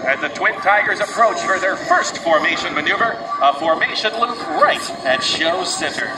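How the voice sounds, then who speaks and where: A man announcing an airshow in scripted commentary, with a dramatic showman delivery and drawn-out phrase endings. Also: sits high, expressive, heavy background noise. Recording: loud music, distant outdoor PA sound.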